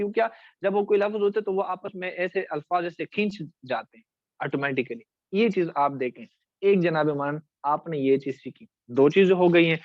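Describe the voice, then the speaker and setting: A man with a Pakistani Urdu accent teaching a class on essay writing, talking to his students directly and checking whether they follow. He stretches words out slowly to show their syllables. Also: sits high, no room sound, highs cut off.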